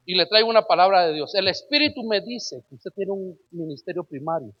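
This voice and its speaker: A man's voice: sits high, expressive, brisk, no room sound, dull audio. A man preaching who quotes a self-proclaimed prophet in a bold, declaring voice.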